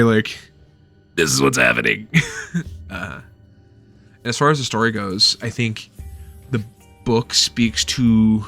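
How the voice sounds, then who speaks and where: A man's voice: lowish voice, fairly bright tone. A man in his thirties giving a loose, rambling book review at home, swearing freely.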